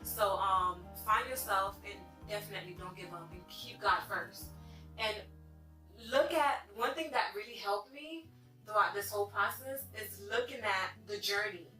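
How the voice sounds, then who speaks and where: A young woman in her twenties answers earnestly in casual chat, with a bright, sharp tone and plenty of filler words. She sits back from the mic in an echoey salon, with faint music behind. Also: medium pitch, normal speed, distant mic. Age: 20s. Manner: earnest, talks in 'like' and 'you know' fillers. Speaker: guest, salon owner. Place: hair salon.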